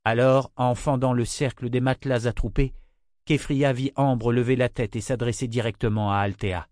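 A man's voice: mid-range voice, fairly even intonation, moderate pace, a little mellow, no echo, studio quality. A man narrating a novel as an audiobook, reading with voices for each character.

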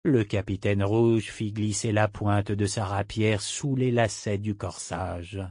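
Casting: male audiobook narrator, measured and expressive, dead-dry studio sound. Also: lowish voice, no room sound. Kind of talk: scripted narration.

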